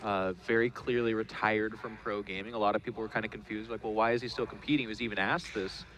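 A man's voice: on the low side, fairly even intonation, fast talker, fairly bright tone. A man giving live analysis of a video game match, easygoing and joking as he explains the players' choices. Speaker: esports caster.

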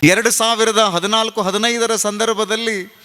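A man's voice: high-pitched, fairly even intonation, measured pace, sharp tone, smooth. A man with a North Karnataka Kannada accent, preaching a storytelling sermon to a seated audience with dramatic, emphatic delivery and repeated phrases. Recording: noisy live sermon recording.

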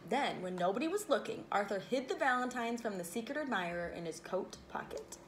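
A woman reading a children's picture book aloud, expressive, breaking off for playful asides to her listeners. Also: fairly high pitch, brisk, a little hiss or hum. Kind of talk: read-aloud storytelling.

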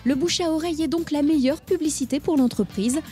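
High-voiced woman narrating a company portrait. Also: a little fast, warm tone, faint music behind. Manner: smooth, polished voice-over delivery. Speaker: narrator and interviewer. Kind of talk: scripted narration.

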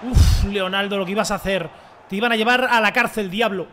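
Young male gaming streamer, high bright voice, excitable slangy banter, faint noise behind. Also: brisk. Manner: excitable, shouts on goals, slangy banter with viewers. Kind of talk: let's play commentary.

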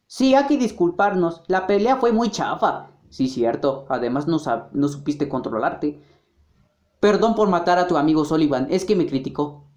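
A woman with a Mexican accent doing a crude, playful, slangy amateur parody dub of animated films. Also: low-pitched. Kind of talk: improvised amateur parody dub of animated film clips, all roles by one voice. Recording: roomy, echoing home recording.

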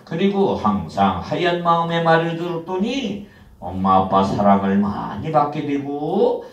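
Older man telling a lively children's story. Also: fairly high pitch, a little slow, lo-fi sound. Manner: sing-song storytelling with questions to the children. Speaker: puppet show narrator. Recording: roomy sound from a far camera.

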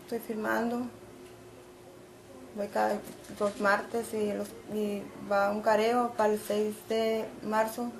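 A young woman, giving a hesitant account of her arrest and often repeating words. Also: mid-range voice. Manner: halting, flat, repeats words. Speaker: interviewee, detained woman. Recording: background noise.

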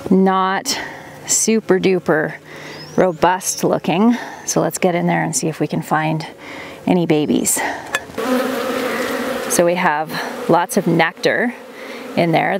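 Slow, creaky and lowish, this woman's voice keeps fairly even intonation and pauses often, over slight background noise. In her thirties, she narrates a casual how-to farm vlog about her gardening and beekeeping while working, recorded close on a handheld camera in a plastic greenhouse and outdoor farmyard.

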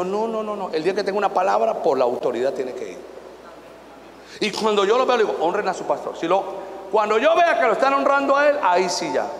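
A man preaching a conference sermon to pastors, telling folksy anecdotes and rising into shouted exhortation. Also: high voice, slight background noise. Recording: echoey hall reverb, faint ambience.

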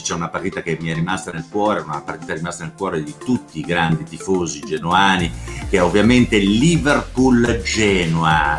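A middle-aged man from Italy chatting casually and commenting on football highlights in an animated, repetitive way over a video call. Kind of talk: casual chat and informal match commentary. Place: home room, video call. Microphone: computer microphone on a video call.

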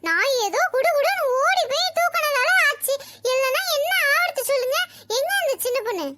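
A woman's voice: very high-pitched, lively intonation, normal speed, pushed and bright, slight background noise, exaggerated voice. A woman voicing a scheming, gossipy village neighbor who talks in a sly, dramatic, wheedling way. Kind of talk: cartoon voice acting.

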